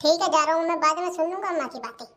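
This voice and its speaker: Clueless young son voiced by an actor, high pitched, puzzled and casual, cartoon. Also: very fast, bright, forceful tone. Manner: casual and puzzled, keeps asking questions. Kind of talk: cartoon comedy voice acting.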